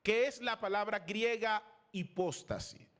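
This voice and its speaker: A man with a fairly high-pitched voice teaches a theology class as a pastor. He lectures in a classroom style, lifting his voice to stress key terms and asking questions of his students. He pauses now and then with fillers while he searches for names. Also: a bit bright.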